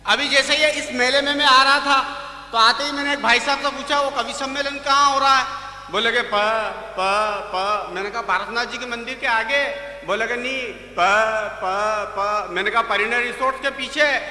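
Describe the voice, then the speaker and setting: High, bright comic poet in an echoing hall. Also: male voice, brisk, a little hiss or hum. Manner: joke-telling with rising, shouting punchlines. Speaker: stage poet. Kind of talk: stand-up comic poetry at a live poets' gathering. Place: outdoor fair stage. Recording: echoey hall from far off.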